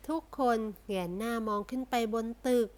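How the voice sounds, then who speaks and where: A woman reading a comic novel aloud in a steady, even storytelling voice. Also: a little high, moderate pace. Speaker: story reader. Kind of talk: read-aloud novel narration.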